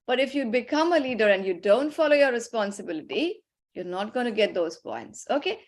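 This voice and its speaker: A woman with an Indian accent leads an interactive children's class over a video call. Her voice sits a little high. She instructs patiently and gives plenty of encouragement. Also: expressive, a little fast. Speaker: teacher leading an online religious class for children.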